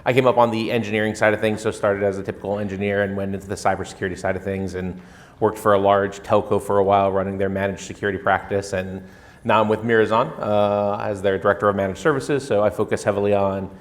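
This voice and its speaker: A man's voice: fairly low pitch, flat delivery, fast. A man in his forties from Hawaii, speaking on a conference panel in a matter-of-fact, technical way.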